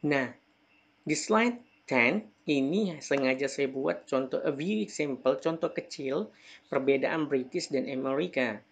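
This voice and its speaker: A man's voice: mid-range voice, measured pace, breathy edge. A middle-aged man teaching English from slides, calling out English example words with extra stress. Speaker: English lecturer. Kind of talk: slide lecture.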